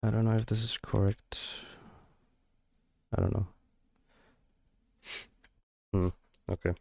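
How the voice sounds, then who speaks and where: This streamer from Georgia, a native Georgian speaker, thinks aloud slowly in a low, flat, gravelly voice as he works on his live stream. He sounds hesitant, with many fillers and trailing thoughts. The sound is clean studio quality with no room sound.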